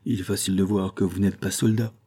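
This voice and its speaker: A man's voice: low-pitched, flat delivery, quick pace, dark tone. A man reading the part of a haughty, suspicious prison governor who questions with disdain. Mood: condescending.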